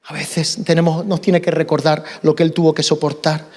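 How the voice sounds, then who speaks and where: A man's voice: on the high side, level tone, normal speed, darkish tone, in a large hall. A man preaching a sermon as pastor, impassioned and repetitive, often restarting his words.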